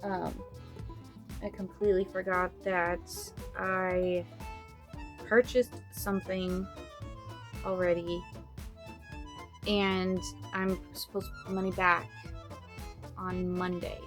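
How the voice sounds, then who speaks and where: Woman budgeting vlogger, unhurried, flat and murmured delivery as she counts cash, soft music low underneath. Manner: monotone, thinking aloud, counting bills under her breath. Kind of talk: casual talk while counting cash.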